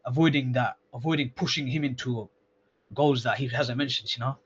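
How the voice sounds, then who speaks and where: A man's voice: medium pitch, fairly even intonation, brisk, slight background noise. Guy mentoring a student on a call review, repeats himself a lot, kinda dull audio. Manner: casual, repeats words, calls listener akhi. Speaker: sales mentor. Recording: slightly dull lo-fi sound.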